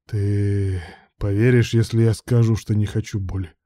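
A man voicing a passionate, pleading adult male lover in a spoken story, in a low voice with strained outbursts. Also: fairly even intonation, fairly quick, dark tone, slightly rough, no echo, clean studio sound. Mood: resigned.

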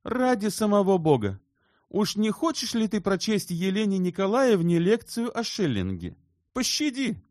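A hot-tempered young sculptor flares up in a high, strained, loud voice, as a male reader puts him on. His pitch leaps far above his usual speech and swings wildly. The sound is dry and close. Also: sing-song, moderate pace, dry recording. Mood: pleading, teasing. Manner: heated, shrill outbursts. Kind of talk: audiobook character reading.

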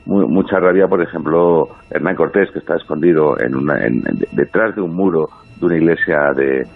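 Man, very deep voice, gravelly and husky, rambling guest, tinny phone line. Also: fairly quick. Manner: rambling, many hesitations and tag questions. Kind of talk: radio phone interview.

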